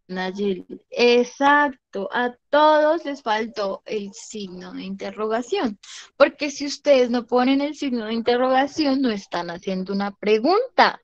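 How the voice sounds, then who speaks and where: A woman teacher leads an online class over a video call with a fairly high voice. Her sound is dry and close, with no room around it. She explains patiently and keeps checking that the class follows. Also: dry recording, muffled recording. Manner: patient, checks understanding with frequent questions. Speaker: English teacher.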